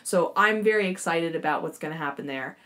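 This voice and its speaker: A woman's voice: sits low, brisk, a bit bright. Enthusiastic young woman rambling through a recap. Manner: enthusiastic, rambling, swears casually. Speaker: show host reviewing a series. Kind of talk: casual recap and commentary.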